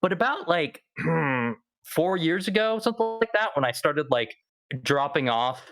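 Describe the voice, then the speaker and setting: A man's voice: on the high side, expressive, measured pace, over music, poor audio. A man in his twenties, a podcast guest, chatting casually and rambling with fillers.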